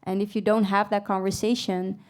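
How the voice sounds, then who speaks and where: A woman raised in the Netherlands, a singer serving as a panelist, speaks on an event venue stage during a live discussion. Her mid-range voice is clean and a little mellow, with flat, brisk delivery, and she thinks aloud reflectively and hesitantly, with many fillers and laughs.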